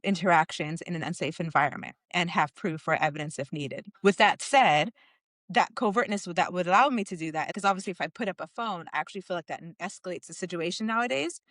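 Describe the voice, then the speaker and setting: A woman's voice: lowish voice, fast, a bit bright, no room sound. A woman co-hosting a podcast, telling a personal story in a candid, conversational way with frequent filler words. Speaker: podcast co-host.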